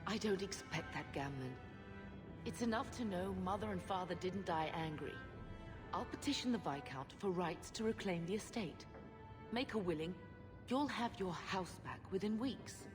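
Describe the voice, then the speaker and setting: Woman acting resolute heroine, slightly low pitch, measured, determined, video game drama, long reverb, music. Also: lively intonation, lightly acted.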